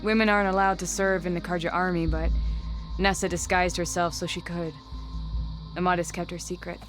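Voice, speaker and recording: A game score plays as an actress performs a cutscene role as a proud young female hunter. Her natural voice is on the low side, moves little in pitch and runs a little fast, earnest and wistful with spirited outbursts.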